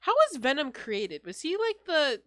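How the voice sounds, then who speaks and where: A woman's voice: high-pitched, wildly swooping pitch, moderate pace, a bit bright. A tipsy woman co-hosting a casual podcast, giggling and swearing as she reacts to a reading. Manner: giggly, swearing, bursting into laughter. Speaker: podcast co-host.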